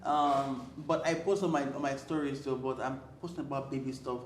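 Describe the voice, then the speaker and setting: A woman, a podcast guest telling personal stories in an animated, emotional way with frequent restarts. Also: a bass voice, brisk. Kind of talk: candid personal conversation. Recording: roomy with faint background noise.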